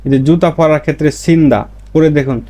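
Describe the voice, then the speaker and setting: Teaching Korean grammar, a man breaks down each word before restating it in his own language. He speaks fairly quickly in a higher, dark-toned voice that stays steady.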